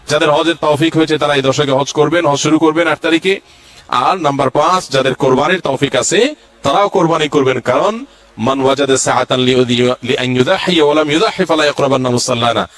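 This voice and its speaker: A man's voice: a little high, fairly bright tone. A male Islamic preacher giving a religious lecture, going through numbered points and reciting Arabic verses.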